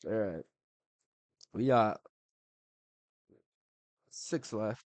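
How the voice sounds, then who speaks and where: A man's voice: lowish voice, lively intonation, drawn-out words, a little mellow, dry recording. A man giving casual, slangy commentary, swearing and tossing in "bro" constantly, with laughs between remarks. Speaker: online commentator ranking fighters.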